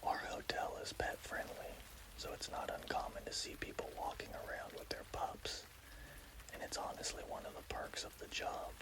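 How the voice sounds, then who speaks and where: A person telling a scary story in a hushed, slow, deliberate ASMR whisper. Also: poor audio.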